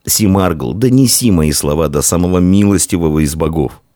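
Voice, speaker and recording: A man voicing a young Roman boy who prays in a hushed, earnest voice. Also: deep voice, moderate pace, no echo, clean studio sound, close to an everyday voice. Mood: pleading. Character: anxious young Roman boy praying for luck.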